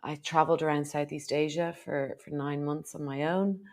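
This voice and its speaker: A woman's voice: low voice, steady tone, moderate pace, darkish tone. An Irish woman, a podcast guest who runs retreats, reflecting on her life story in a casual conversational interview. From Ireland. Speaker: podcast guest, retreat host and yoga teacher.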